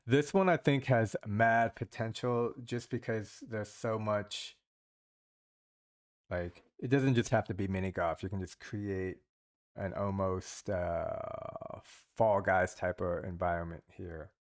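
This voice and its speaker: A gaming channel host with a lowish voice talks at a slow pace while playing mobile multiplayer games. His commentary is casual and rambling, as he thinks aloud and restarts often.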